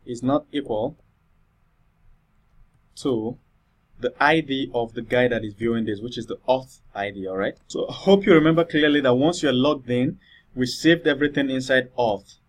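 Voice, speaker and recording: A man's voice: medium pitch, unhurried, long pauses. A man giving a screen-recorded coding tutorial, thinking aloud with many fillers and checking in with "all right?".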